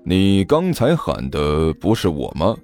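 A man voicing a nervous middle-aged male school director who mutters low and stammers. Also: wildly swooping pitch, unhurried, darkish tone, soft background music, full character voice.

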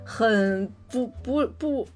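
A woman co-hosting a podcast, telling a personal story in casual chat, animated, swearing freely and correcting herself as she goes. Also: a little high, very slow, soft background music. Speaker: podcast co-host.

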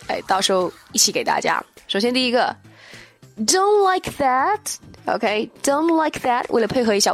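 A woman teaching an online English lesson in a lively, chatty way, explaining in Chinese and reading English example sentences slowly and repeating them. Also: medium pitch.

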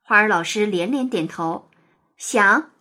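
A woman narrating a children's story in an expressive, sing-song storytelling manner. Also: medium pitch, moderate pace.

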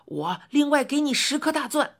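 A woman voicing a sly, tiny male boss in a storybook reading, high and shrill, stammering as he haggles. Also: expressive, moderate pace, slightly rough. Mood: stammering, pleading.

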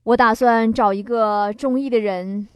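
A woman's voice: on the high side, fairly even intonation, unhurried, noisy background. A woman hosting a radio comedy monologue, chatty, laughing often and acting out quotes. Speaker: comedy show host. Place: radio studio.

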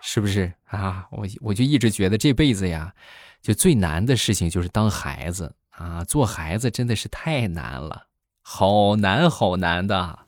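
A man's voice: low voice, normal speed, background noise. A man doing a comic monologue, telling stories with frequent filler sounds. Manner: lively storytelling with frequent filler "ah"s. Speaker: stand-up comedian.

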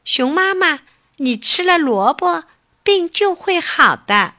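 Lady doing a high little bunny voice, pleading, slow. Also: very animated, sharp tone, dry recording, clean studio sound, exaggerated voice.

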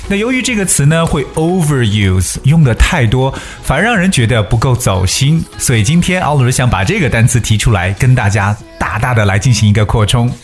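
A man teaching a bilingual English lesson, explaining patiently and repeating phrases slowly for practice. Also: mid-range voice, lively intonation, faint music behind.

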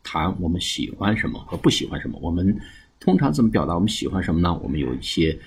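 Man, English teacher, very deep voice, husky rough tone, explanatory lesson, stresses key words. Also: big pitch swings, fast talker. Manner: explanatory, mixes English phrases into Chinese, frequent "哎" fillers. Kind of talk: recorded language lesson.

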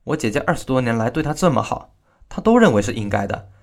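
A man's voice: medium pitch, sing-song, fast talker, vocal fry. A man telling a true-crime story in the first person as a victim's relative, with a gossipy, indignant manner.

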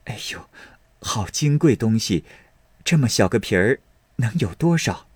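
A man voicing a gentle, careful young female maid in a storybook reading, speaking softly and deferentially. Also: lowish voice, very animated, unhurried, husky, no echo, exaggerated voice.

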